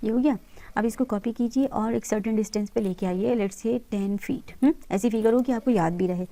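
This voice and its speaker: A woman teaching interior design, patiently walking viewers through each step of a software tutorial and mixing English terms into her talk. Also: on the high side, fairly even intonation, brisk. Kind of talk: screen-recorded software tutorial.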